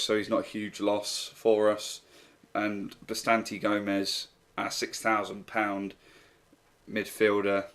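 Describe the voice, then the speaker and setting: A man narrating a football management video game, calmly going through his team's signings in a steady, matter-of-fact way. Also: on the low side. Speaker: gaming YouTuber. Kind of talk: game commentary walkthrough.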